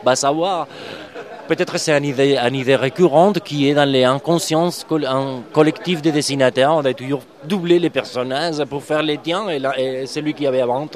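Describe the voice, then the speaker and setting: A man's voice: a little high, moderate pace. A comic book artist, a man, answering interview questions hesitantly with frequent fillers. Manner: hesitant, frequent fillers, apologizes for his speech.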